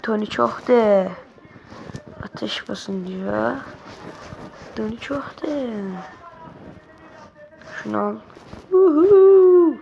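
A woman hosting a gaming channel, giving excitable let's-play commentary and shouting bursts at the game. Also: medium pitch, drawn-out words, vocal fry, long pauses, muffled recording. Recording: noisy recording with clicking sounds.

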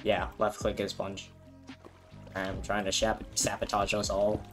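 A man chatting casually with friends while playing a game, excitable and yelling when things go wild. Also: lowish voice, measured pace, faint music behind. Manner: excitable, yells when hyped. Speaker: gamer. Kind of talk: casual gaming chat with friends.

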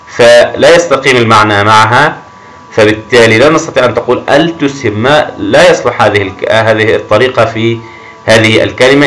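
A man teaching a grammar lesson to young children, encouraging and often praising them, stretching words slowly as he reads them aloud. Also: medium pitch, fairly bright tone, rough recording. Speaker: primary school teacher.

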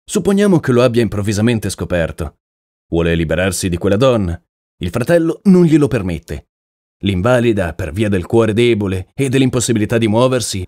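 Man reading a calm sharp detective, low voice, asks things slowly and carefully, dry sound. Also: no room sound, close to an everyday voice. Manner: measured, questioning. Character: shrewd male detective, calm and probing. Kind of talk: audiobook character reading.

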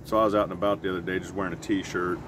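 A middle-aged man telling stories in a casual, halting ramble, easygoing and often correcting himself. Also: low voice, level tone. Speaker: pipe vlogger. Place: outside by a house with siding. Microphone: camera a short distance in front. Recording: clear outdoor traffic or air-conditioner hum.

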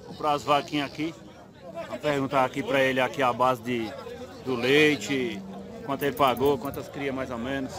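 A man's voice: medium pitch, fairly even intonation, normal speed. A man filming his casual walk through a cattle fair, chatting with sellers and repeating their prices for the camera. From Northeast Brazil. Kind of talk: casual on-the-spot video commentary. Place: outdoor cattle market with crowd. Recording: crowd noise outdoors.

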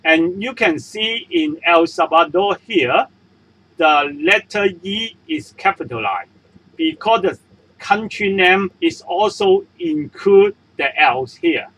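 Slow, husky man with a Hong Kong accent. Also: high voice, sing-song, a bit bright, low-quality recording. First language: Cantonese. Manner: slow, repeats each example sentence and translation. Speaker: Spanish language teacher. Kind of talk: slow explanatory lesson narration. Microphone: voice-over for screen-recorded slides.

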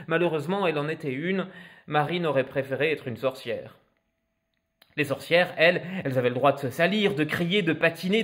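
Expressive man reading a children's book. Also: high-pitched. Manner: expressive, animated. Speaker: storyteller.

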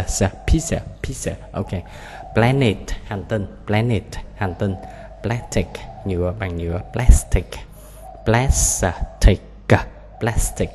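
Male English teacher, lowish voice, drills vocabulary slowly, echoey room with faint hiss. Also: mellow. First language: Vietnamese. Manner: repeats each English word slowly and clearly, explains sounds. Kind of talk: vocabulary lesson, word by word.

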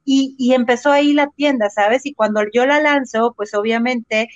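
A Mexican woman speaking Spanish as an interview guest, an animated storyteller who acts out her own reactions. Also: sits high, normal speed, muffled recording. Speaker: interview guest, runner and entrepreneur. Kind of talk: casual interview over a live video call. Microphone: video call microphone.

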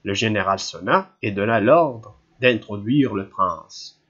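A man reading a classic novel aloud as an audiobook narrator, in a measured literary style. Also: fairly low pitch, animated, fairly bright tone, breathy edge, muffled recording. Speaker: audiobook reader.

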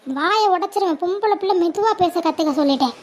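A woman playing a nagging, very high-voiced mother. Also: fast talker. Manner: sharp nagging scolding. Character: scolding middle-aged mother of two girls. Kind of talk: family drama role-play.

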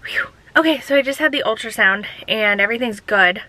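A woman's voice: on the high side, a little fast, pushed and bright, no echo, rough recording. A woman vlogging to a handheld camera from a parked car. She is congested and out of breath, and chats in a rambling way with lots of "like". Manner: rambling, chatty, many "like" fillers. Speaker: vlogger, show host. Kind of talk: casual vlog talking to camera.

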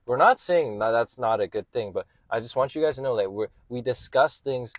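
A man's voice: medium pitch, expressive, brisk, dry recording. Earnest young man, dry phone recording. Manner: earnest, hedging, repeats words. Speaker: co-host. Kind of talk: casual chat.

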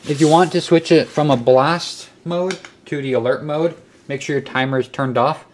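On a handheld camera mic, a man hosting a hobby electronics how-to video walks through a casual hands-on demonstration step by step. His voice sits on the high side, with fairly even intonation and a normal pace. The cluttered indoor workshop or utility room adds clicks and clear background noise.

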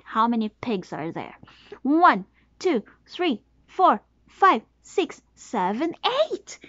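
Here a mother in her thirties reads aloud to her small child from a picture book, her voice high-ish, pushed and bright, sing-song as she asks questions and counts. The setting is a small bedroom where she sits on the bed, recorded in dull lo-fi at home.

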